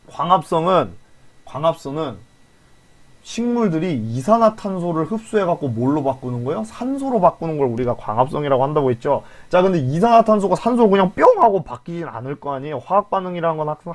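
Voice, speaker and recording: A man teaching an online science lecture, coaxing and pleading with students and quizzing them with questions. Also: a little high.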